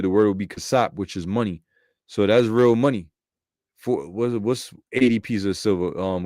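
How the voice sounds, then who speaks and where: Slangy, low-voiced man preaching casually. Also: a little mellow, dry recording, clean studio sound. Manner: slangy, profane, street-talking delivery; thinks aloud, restarts and self-corrects. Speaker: bible commentator. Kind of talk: casual scripture commentary.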